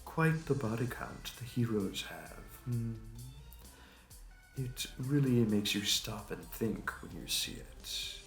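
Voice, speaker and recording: Lively intonation colors this man's mid-range voice as he performs a mocking, flirtatious supervillain for an audio roleplay, stretching out his theatrical taunts with smug amusement. Music sits behind the echoey, distantly miked recording.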